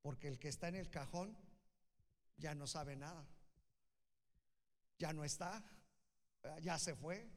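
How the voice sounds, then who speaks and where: Male preacher, high voice, passionate sermon delivery in a reverberant hall. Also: slow, pauses often. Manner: impassioned, swings from hushed to loud calls.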